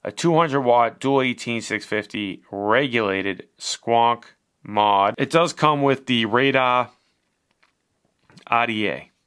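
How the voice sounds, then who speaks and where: A man's voice: medium pitch, slow, a bit bright, clean tone. A man giving a casual, chatty product review as he unboxes and shows a device, swearing now and then.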